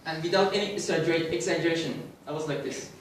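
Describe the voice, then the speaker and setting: Speaking fast with a steady tone, a Pakistani club speaker in his 20s, his voice on the high side, gives a prepared personal speech and restarts phrases while asking the audience questions. He's recorded on a distant mic in a very echoey club meeting room, with slight background noise.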